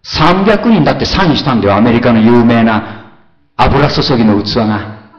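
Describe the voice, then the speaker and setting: A man delivers a lively sermon, his pitch leaping up and down as he moves from hushed asides to ringing exclamations. He keeps questioning his congregation in a conversational way. The sound is roomy and a little dull. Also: moderate pace. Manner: animated, shifts between soft asides and loud exclamations. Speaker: pastor.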